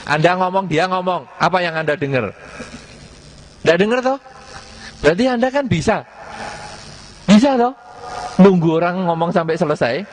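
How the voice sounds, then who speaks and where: An older man giving a Buddhist sermon, asking his audience lively rhetorical questions and slipping into words. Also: sits high, normal speed, pauses often. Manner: animated, rhetorical questions, mixes in Javanese words. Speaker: Buddhist monk giving a Dhamma talk.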